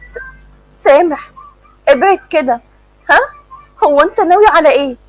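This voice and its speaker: A woman's voice: on the high side, fast talker, breathy edge, no room sound, poor audio. A woman voicing a frightened young woman who pleads and mocks. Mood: pleading. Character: scared young woman, pleading and sharp-tongued.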